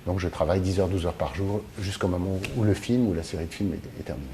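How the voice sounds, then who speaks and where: A man's voice: sits low, fast, mellow. A man who works as a film translator and teacher, answering interview questions in a thoughtful, hesitant way with many fillers and restarts. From Mediterranean. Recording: faint background noise.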